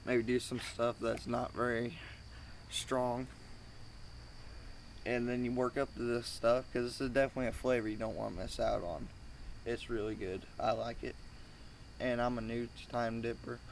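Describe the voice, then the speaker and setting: A young man giving a casual, rambling review in a halting, informal way, talking with chewing tobacco packed in his lip. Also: mid-range voice, vocal fry, slight background noise, rough recording. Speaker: amateur product reviewer.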